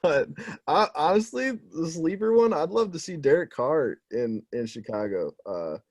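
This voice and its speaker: A man's voice: on the high side, animated, a little slow, no room sound. Laid-back man giving offhand sports opinions. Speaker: podcast co-host. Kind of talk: casual sports chat.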